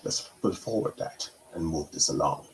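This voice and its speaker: A middle-aged man from Guyana, a counselor hosting a talk show, speaking in a slow, deliberate monologue with pauses and self-corrections. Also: rumbling low, expressive, darkish tone, a little hiss or hum, poor audio.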